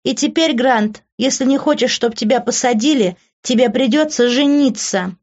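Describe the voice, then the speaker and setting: Woman doing a taunting young woman, sneering, high pitch, slightly dull audio. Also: normal speed, darkish tone, natural voice. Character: mocking spiteful young woman schemer.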